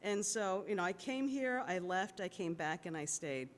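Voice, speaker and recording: In a large sanctuary with long hall reverb and a faint rumble, a woman from the United States gives an unscripted, animated thank-you speech in church. English isn't her first language; she grew up speaking a Cantonese or Malay family language. As a church donor and board host, she halts often, filling pauses and restarting her sentences.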